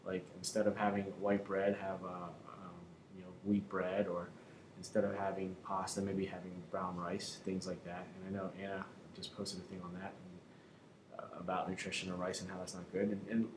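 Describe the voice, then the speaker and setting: A man's voice: deep voice, completely flat delivery, moderate pace. A man giving an informal instructional talk as a fitness coach, explaining in a hesitant, repetitive way. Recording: roomy echo, faint background noise.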